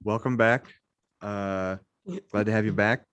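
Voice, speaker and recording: A man co-hosting a casual podcast, joking wryly in a halting, conversational way. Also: lowish voice, steady tone, a bit bright, clean tone, no room sound, lo-fi sound. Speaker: podcast co-host.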